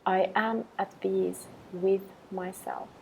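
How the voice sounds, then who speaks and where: Speaking with long pauses in a calm, gentle, measured way, a woman leads affirmations during a guided meditation. Her mid-range voice has a creaky quality, and the rough recording picks up slight background noise.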